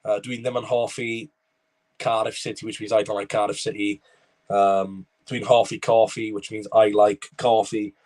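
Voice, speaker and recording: Streaming a football match live, a young Welsh commentator keeps things chatty and casual, drifting from the play to reading his chat's comments out loud in a rambling way. His voice is a little mellow, with little pitch movement and a normal speed.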